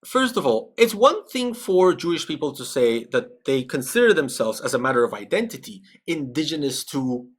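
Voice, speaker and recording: A man's voice: a little high, very animated, moderate pace, few pauses, slightly rough. A man from Peru giving conversational, analytical commentary on a live stream, often checking in with "right?". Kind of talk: live-stream commentary reacting to a video with chat.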